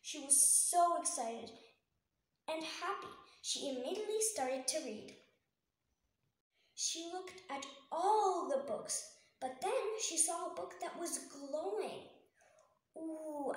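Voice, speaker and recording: High-voiced woman reading a children's story. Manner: enthusiastic, adds asides. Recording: echoey room.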